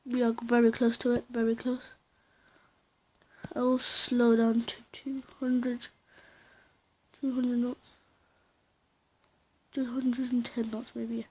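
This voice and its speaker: A woman's voice: a little high, monotone, slow pace, pauses often, a little mellow, slightly rough. A woman thinking aloud in casual gameplay commentary while flying a plane in a simulator at home. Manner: rambling, chatty, thinking aloud. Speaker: flight sim player. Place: at home, indoors.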